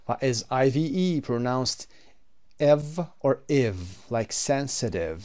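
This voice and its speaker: Guy teaching an english class, fast explaining then slows right down on each word. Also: medium pitch, darkish tone. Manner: switches between quick explanations and slow, drawn-out model words.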